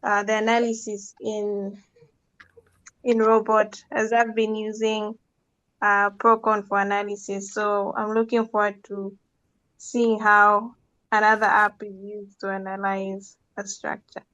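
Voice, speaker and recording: A woman from Zambia introduces herself over dull, lo-fi call audio. Her voice is smooth and fairly high, and she speaks slowly with little change in pitch. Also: little pitch movement, fairly bright tone. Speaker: class participant. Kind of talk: self-introduction on a video call. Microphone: video call.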